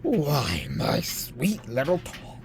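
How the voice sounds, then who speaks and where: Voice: medium pitch, wildly swooping pitch, slow pace, exaggerated voice. A narrator voicing a sly, gloating male creature who hates the holidays, slick and mock-sweet, in storybook style. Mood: falsely sweet. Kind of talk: storybook character voice.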